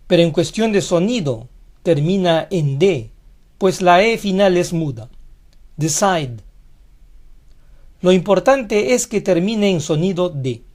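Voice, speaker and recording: A teacher giving a scripted pronunciation lesson, speaking deliberately and saying each model word twice. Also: medium pitch, darkish tone. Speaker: English teacher.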